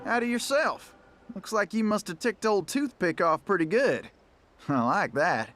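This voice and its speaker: An actor playing a gruff, proud male cowboy outlaw raccoon in a game cutscene, talking in folksy cowboy slang. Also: high-pitched, lively intonation, unhurried. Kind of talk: video game cutscene acting. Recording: loud noise behind the voice.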